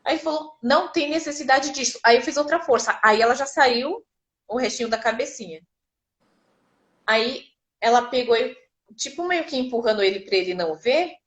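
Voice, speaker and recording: A woman's voice: fairly high pitch, lively intonation, normal speed. A Brazilian woman telling her birth story casually and vividly, acting out the people she quotes. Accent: Brazilian Portuguese.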